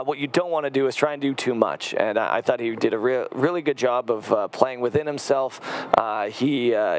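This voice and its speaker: A former player in his thirties breaks down a hockey game from a studio desk. His voice sits at a middling pitch, and he talks in halting bursts, full of uh fillers and restarts. A faint hiss hangs behind the studio mic. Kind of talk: casual sports analysis.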